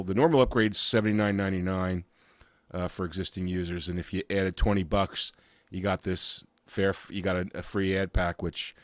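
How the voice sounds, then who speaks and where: A man with a cold and a raspy voice, walking through software in a casual, halting way with frequent uhs and restarts. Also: deep voice, no echo. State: has a cold. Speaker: software reviewer. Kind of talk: casual screen-share walkthrough.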